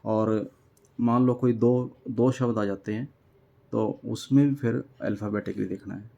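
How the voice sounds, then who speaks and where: A man's voice: fairly low pitch, fairly even intonation, creaky, mellow, lo-fi sound. A male teacher, patiently explaining workbook exercises, spelling out words letter by letter and reading lines aloud before translating them. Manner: reads English text aloud slowly, then translates it. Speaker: English teacher.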